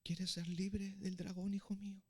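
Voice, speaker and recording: A man voicing a loving king who speaks slowly, tenderly and solemnly. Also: a little high, lightly acted.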